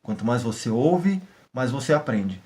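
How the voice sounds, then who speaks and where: A man's voice: mid-range voice, big pitch swings, normal speed, darkish tone. A middle-aged Brazilian man with a Brazilian Portuguese accent who talks casually in a language-learning vlog, slipping English words into his examples and acting out small scenes. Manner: chatty, switches into English for examples, acts out little scenes.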